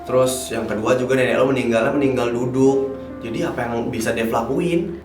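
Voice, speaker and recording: A man voicing a caring young woman friend who coaxes and comforts softly. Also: mid-range voice, steady tone, fairly quick, close to an everyday voice. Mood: comforting. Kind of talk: amateur drama acting. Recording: roomy distant mic with music.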